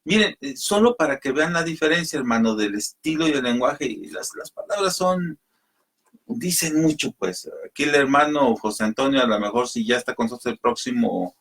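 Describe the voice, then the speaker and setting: A man's voice: mid-range voice, expressive, normal speed, fairly bright tone, husky. A man teaching a radio Bible study, explaining patiently, calling listeners brothers and reading scripture aloud. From Mexico.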